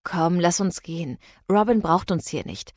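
A woman reads the part of a practical grown man who keeps things calm and placating, talking sense to a friend. The voice is lowish, and the sound is dry and close. It is an audiobook reading rather than full acting. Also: normal speed, no room sound. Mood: reassuring. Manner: level-headed, placating.

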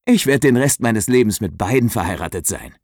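A man voicing a cheerful, newly engaged young man in an audiobook, excited and joking with his friends. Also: fairly low pitch, fairly quick, dry recording, studio quality.

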